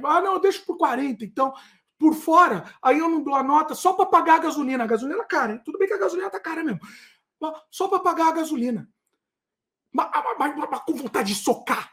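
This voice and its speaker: A man's voice: very high-pitched, sharp tone. A man telling a story with dramatic flair, acting out both sides of a heated argument in a raised voice. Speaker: podcast host. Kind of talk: animated storytelling in casual chat.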